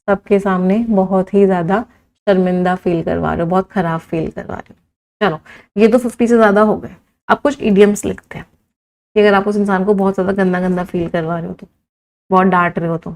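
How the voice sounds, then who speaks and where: A woman's voice: medium pitch, fairly even intonation, a little mellow, rough recording. Woman teacher drilling vocabulary lists. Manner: lists words slowly, drawing out each one for writing; repeats and counts aloud, replies to students. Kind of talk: live exam-prep vocabulary lesson.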